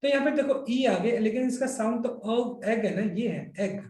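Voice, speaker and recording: A man's voice: extremely high pitch, moderate pace, darkish tone, reverberant. A man with an Indian accent teaching English grammar to students, mixing Hindi and English and checking often with "right?". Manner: addresses students directly, checks understanding with frequent "right?". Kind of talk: explanatory classroom lecture.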